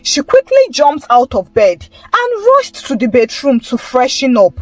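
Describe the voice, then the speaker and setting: High-voiced woman narrating a folktale. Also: big pitch swings, a little slow, faint music behind, poor audio. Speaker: storyteller. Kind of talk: scripted narration.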